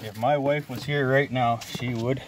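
The audio quality is poor, carrying a man's steady, mid-range voice at normal speed. He hosts a do-it-yourself repair vlog, talking to viewers in a relaxed, folksy manner with wry humor and muttered side remarks to himself. Loud clicking and clattering work sounds run throughout.

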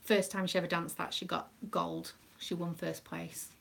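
A woman's voice: on the low side, level tone, normal speed, creaky, fairly bright tone. A British woman, a proud mother, chatting casually on a live stream with a rambling, um-filled manner. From United Kingdom. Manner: chatty, rambling, with many ums. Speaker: craft live-streamer and dance mum.

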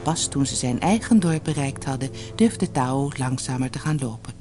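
A woman narrating a fairy tale in an expressive, measured storytelling manner. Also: rumbling low, faint music behind.

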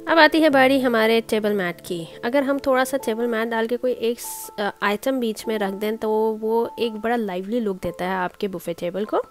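A woman's voice: fairly high pitch, normal speed, few pauses, soft background music. A woman casually walking through a home table-setting demonstration, talking step by step and mixing in English words. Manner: chatty, explains step by step, mixes in English words. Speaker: home cooking channel host.

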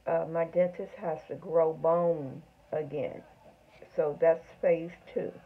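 A middle-aged woman speaking without her front teeth, chatting haltingly to camera in a casual video diary. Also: sits low, steady tone, breathy edge. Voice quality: toothless speech, front teeth missing. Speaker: vlogger. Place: small home room, indoors. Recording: tinny, phone-like narrow sound.

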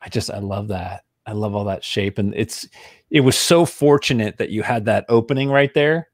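Guy hosting a stream, excited and chatty, dry mic sound. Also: fairly low pitch, normal speed, no echo. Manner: enthusiastic, animated, quotes his own thoughts. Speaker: host. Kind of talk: casual chat on a livestream.

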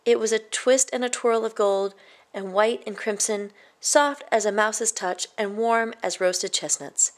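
A children's picture book is read aloud by a woman storyteller whose mid-range voice is steady, measured, and expressive.

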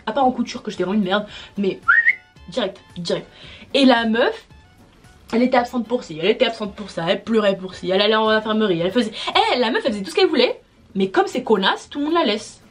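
A woman's voice: medium pitch, animated, quick pace, faint music behind. A young woman vlogging a storytime, exasperated and slangy, swearing as she vents. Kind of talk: casual storytime monologue.

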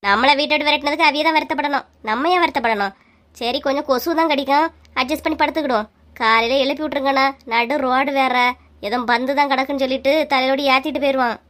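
A woman's voice: high voice, fast talker, fairly bright tone. A woman with a Kanyakumari Tamil accent voicing a carefree, cheeky cartoon housewife who fancies herself a film star. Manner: breezy, unbothered, teasing. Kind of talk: cartoon comedy voice acting.

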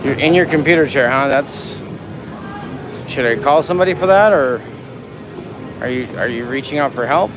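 A man's voice: medium pitch, normal speed, pauses often, noisy background. A man live-streaming slot play with casual, profane, teasing banter. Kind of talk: casual live-stream chat while gambling. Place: busy casino floor. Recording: loud casino music and machine din.

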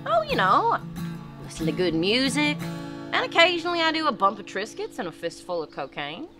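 A woman's voice: on the high side, wildly swooping pitch, fairly quick, music in the background. A woman playing a folksy, emphatic character proud of giving up beer, in a comedy sketch. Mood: proudly reformed. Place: outdoor backyard.

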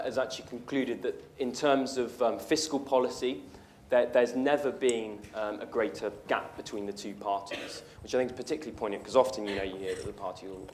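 This young adult man, a candidate for office, takes audience questions in a university lecture hall with an earnest manner and plenty of ums and false starts. His voice sits at a medium pitch, with slight background noise. Audio is from a lectern room mic, with the camera set far back.

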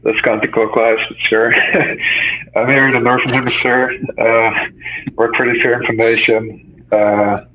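A man's voice: mid-range voice, little pitch movement, a little slow, pushed and bright, muffled recording, a little hiss or hum. A man introducing himself as a researcher and developer on a video panel, hesitant with many fillers.

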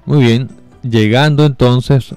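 Mellow man narrating a game walkthrough. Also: mid-range voice, slow, clean tone, faint music behind. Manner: relaxed, step-by-step explaining with fillers. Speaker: gameplay guide narrator. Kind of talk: casual game walkthrough commentary.

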